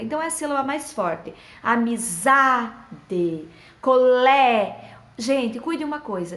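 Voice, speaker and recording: A woman explaining a grammar lesson to her students, patient and explanatory, often checking they follow. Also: fairly high pitch. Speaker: teacher. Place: classroom with a whiteboard. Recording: echoey room.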